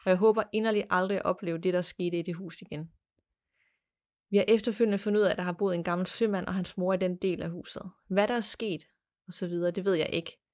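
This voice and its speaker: A woman hosting a podcast, reading a listener's ghost story aloud in a measured, plain storytelling manner. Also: lowish voice. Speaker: podcast host.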